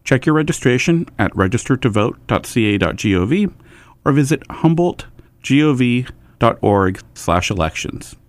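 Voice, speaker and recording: A man's voice: medium pitch, very animated, normal speed, no room sound. A man, a county official, reading a scripted public service announcement.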